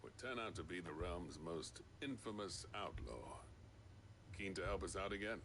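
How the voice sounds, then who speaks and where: An actor playing a sharp-tongued, bitter male village chief with a gravelly voice. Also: deep voice, animated, normal speed, a little hiss or hum.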